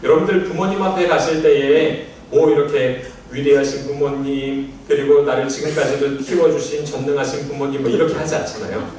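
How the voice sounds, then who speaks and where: A male pastor giving a sermon in a church, speaking in a gentle, conversational way and leading the congregation in readings. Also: mid-range voice, steady tone, brisk, few pauses, slight background noise. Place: church sanctuary. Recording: very echoey church hall, mic at a distance.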